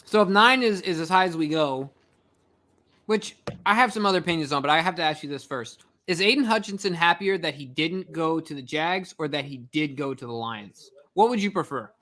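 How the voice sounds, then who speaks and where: High, bright-voiced man, excitable sports talk. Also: brisk. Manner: excitable, questioning, playful. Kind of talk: casual draft-night chat.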